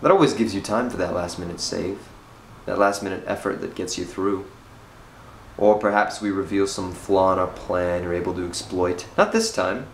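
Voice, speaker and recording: A man's voice: sits low, moderate pace, gravelly. An actor playing a smug male villain who mocks his beaten foe. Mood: gloating. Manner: mocking, self-satisfied. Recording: roomy with faint background noise.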